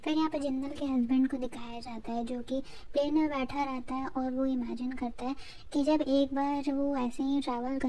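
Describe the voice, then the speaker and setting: A woman's voice: sits high, dark tone. A woman retelling the plot of a drama in a chatty, informal way, slipping English words into her storytelling. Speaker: drama recap narrator. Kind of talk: casual storytelling recap.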